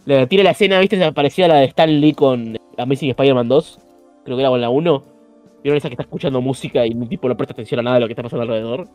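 Fast-talking Rioplatense young man. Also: medium pitch, faint music behind. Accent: Rioplatense Spanish. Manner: animated, slangy, swears casually. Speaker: podcast host. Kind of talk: casual chat.

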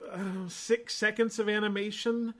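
A man's voice: high voice, fairly even intonation, a little slow. A man chatting casually with friends about a movie, making sarcastic, wry asides. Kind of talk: casual chat.

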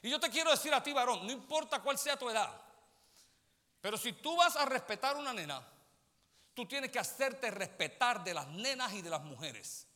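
Animated high-pitched preacher. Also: male voice, moderate pace, long reverb tail. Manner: animated preaching, often calls listeners "brother" and checks they follow. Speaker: pastor. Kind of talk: sermon. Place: church sanctuary.

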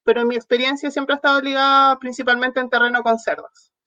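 A woman's voice: high voice, little pitch movement, fast, bright, forceful tone, dry recording, dull audio. A woman from southern Chile with a Chilean accent, a veterinarian guest answering interview questions in a friendly, explanatory way with frequent fillers. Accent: Chilean Spanish. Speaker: veterinarian product manager guest. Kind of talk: online interview.

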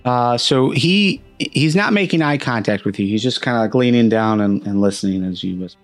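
Halting man as game master. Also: medium pitch, expressive, dry recording, soft background music. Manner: halting, repeats words as he thinks. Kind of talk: improvised tabletop game narration.

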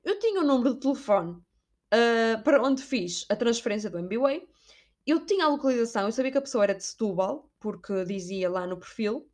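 A woman's voice: on the high side, lively intonation, brisk, a little mellow. A young woman from Portugal with a European Portuguese accent, casually telling stories to her viewers and drifting into Spanish words. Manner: chatty and digressive, slips Spanish words into her talk. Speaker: vlogger.

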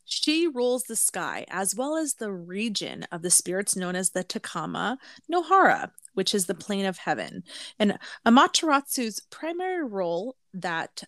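A woman's voice: medium pitch, big pitch swings, normal speed, a bit bright, no echo. A woman co-hosting a podcast in a casual, playful and informal way. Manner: giggly, playful. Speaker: podcast co-host. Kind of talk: casual chat with some reading from notes.

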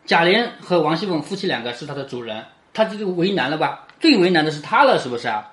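Talking fast and sounding very animated, a mid-range-voiced teacher explains a classic novel's chapter in a conversational style. The listener is asked "right?" often, and each sentence tends to fade into a quiet tag.

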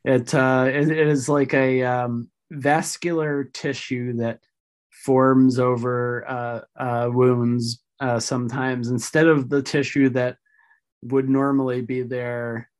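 A woman guest in a casual interview, explaining things thoughtfully, her voice a little rough after vocal surgery. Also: extremely low pitch, steady tone, slow pace, a little mellow.

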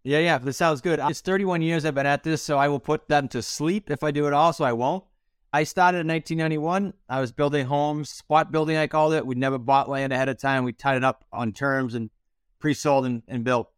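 A middle-aged man from Rhode Island answering interview questions as a guest, in a brisk, matter-of-fact way. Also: a little high, steady tone, clean tone, no echo, studio quality. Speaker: guest, real estate investor.

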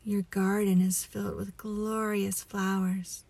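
A woman leading a guided relaxation meditation as a story, in a soothing, hushed, breathy voice that often nears a whisper. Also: mid-range voice, flat delivery, no room sound. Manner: slow, soothing, hushed delivery.

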